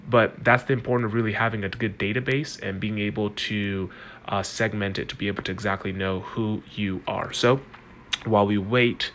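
A consultant runs a casual screen-recorded walkthrough of a chatbot on his phone, talking quickly and chattily with loose restarts. His voice sits on the low side with a fairly bright tone, and there's a little hiss or hum in the recording.

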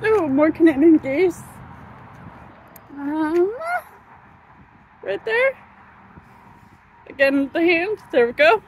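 A woman's voice: sits high, rough recording. A woman in her thirties chatting casually while walking outdoors in a sunny park, filming on a phone at arm's length, rambling with many ums and uhs and fighting hiccups. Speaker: vlogger. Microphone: phone held at arm's length.

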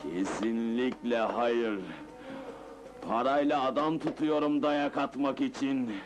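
An actor playing a hot-tempered middle-aged nightclub boss who shouts, groans and sighs, in a 1970s film. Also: male voice, high voice, moderate pace, vocal fry, noisy background. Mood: smug. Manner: explosive shouting, groaning and sighing. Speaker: nightclub owner. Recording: film soundtrack with music behind.

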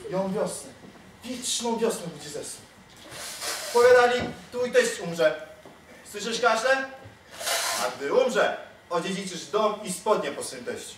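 A man's voice: high voice, animated, measured pace, pauses often, noisy background. A student actor playing a quarrelsome peasant gardener who complains about his cheated dowry, recorded from far off on an echoey stage. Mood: complaining. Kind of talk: stage comedy acting.

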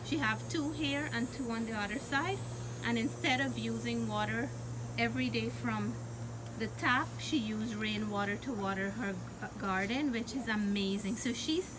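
A woman's voice: on the high side, normal speed, noisy background. A Guyanese woman giving a chatty, admiring tour of a backyard garden while filming on her phone. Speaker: cooking channel host. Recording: background music under the voice.

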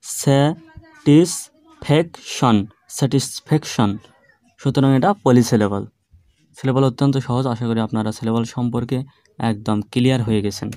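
A man teaching an online grammar lesson, explaining patiently and drawing words out slowly, syllable by syllable. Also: mid-range voice, fairly even intonation, dark tone. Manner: slow, drawn-out syllable-by-syllable demonstrations; patient, explanatory classroom delivery.

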